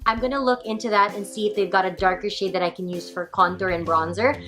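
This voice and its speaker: A woman's voice: mid-range voice, fairly even intonation, fast, fairly bright tone, faint music behind, low-quality recording. A young woman from the Philippines chatting to camera for a beauty vlog, bubbly and chatty, filming with a handheld camera in her car and at home. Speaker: beauty vlogger. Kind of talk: casual vlog chat to camera.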